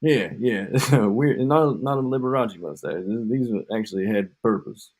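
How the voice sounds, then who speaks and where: A podcast co-host with a fairly low, slightly mellow voice and a breathy edge talks at a measured pace. He jokes and meanders through casual conversation, drifting off mid-thought over an echoey home mic.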